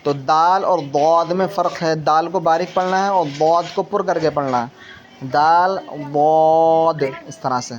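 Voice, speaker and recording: A man's voice: a little high, lo-fi sound. A patient man teaching letter sounds. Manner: explains slowly, repeats each letter sound for the learner; leans on the filler tag "na" while explaining. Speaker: Quran reading teacher. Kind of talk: patient tajweed lesson.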